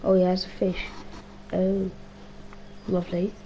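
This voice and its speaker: Worn-voiced woman streamer, slow and mellow. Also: on the low side, completely flat delivery, a little hiss or hum, poor audio. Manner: rambling, slangy, swears, talks to herself. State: strained, worn-out voice. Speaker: gaming livestreamer. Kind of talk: casual live-stream chat while playing.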